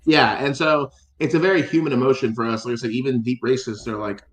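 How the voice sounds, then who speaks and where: A man's voice: mid-range voice, fairly even intonation, fast, reverberant. Guy just chatting, lots of like and um, keeps restarting sentences, cusses casually. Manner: rambling, many fillers and restarts, swears casually. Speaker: podcast co-host. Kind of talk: casual chat.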